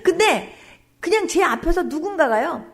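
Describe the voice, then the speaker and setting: A woman's voice: very high-pitched, animated, moderate pace. A woman pastor giving an emotional testimony sermon, telling her story with exclamations and dropping at times to a whisper.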